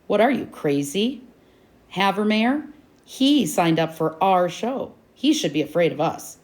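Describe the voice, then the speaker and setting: A woman's voice: mid-range voice, big pitch swings, unhurried, a little mellow. A woman voicing an earnest fifth-grade boy in a read-aloud storybook, sounding indignant.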